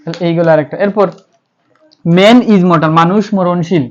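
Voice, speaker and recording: A high-pitched man with a Bangladeshi accent talks at a moderate pace with fairly even intonation. He delivers a classroom-style English grammar lecture, raising questions he answers himself and spelling words out one letter at a time. The recording is slightly dull and lo-fi.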